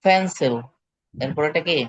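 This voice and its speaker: A man's voice: a little high, moderate pace, dry recording. A male English teacher, leading an online pronunciation drill and patiently repeating words for students. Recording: dull lo-fi online call audio.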